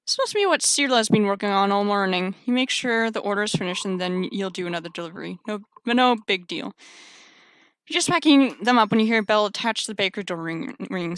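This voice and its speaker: Excitable young woman streamer. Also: medium pitch, clear, resonant tone, no room sound, studio quality. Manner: excitable, loud outbursts. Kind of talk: reading a game aloud with live commentary.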